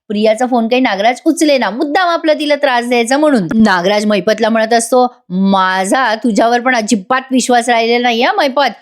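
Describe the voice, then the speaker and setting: A young woman narrating a voice-over episode review in a chatty way, speaking straight to viewers. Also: fairly high pitch. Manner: chatty, addresses viewers directly. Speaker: TV serial reviewer.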